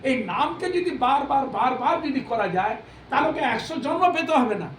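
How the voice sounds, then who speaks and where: A man's voice: very high voice, expressive, brisk. A man giving a devotional sermon, asking rhetorical questions, repeating phrases for emphasis and breaking into sung verses. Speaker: preacher. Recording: echoey hall, mic at a distance, faint noise.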